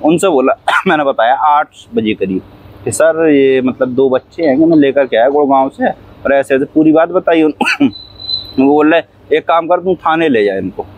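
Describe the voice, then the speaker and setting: A cab driver with a medium-pitched, darkish voice speaks at normal speed, telling a long story in a rambling, repetitive way for a casual interview. He often coughs mid-sentence and acts out what people said. It's a low-quality recording.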